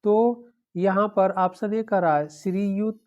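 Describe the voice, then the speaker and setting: A woman's voice: medium pitch, measured pace, warm tone. A woman teaching an exam-prep lesson, going through the answer options one by one and repeating them, with a frequent "okay".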